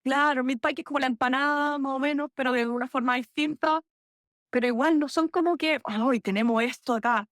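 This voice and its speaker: Her voice sits high and moves fairly quickly as this young Chilean guest shares stories in a relaxed podcast conversation. A physiotherapist with a Chilean Spanish accent, she laughs and corrects herself often, and the studio sound is clean with no echo.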